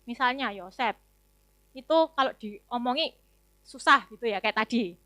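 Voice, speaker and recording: Young woman, youth speaker, casual sermon testimony, higher voice, dry close sound. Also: moderate pace, sharp tone, dry recording. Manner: chatty, casual, many fillers and tag words.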